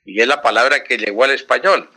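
A man on a radio language segment, explaining the right spelling of words and repeating them slowly and emphatically. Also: medium pitch, sharp tone, breathy edge. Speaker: language expert guest.

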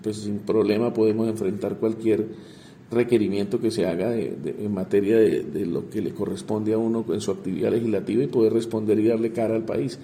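Congressman, male, deep dark tone, halting interview answers, faint hiss. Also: steady tone. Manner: halting, repeats words while searching.

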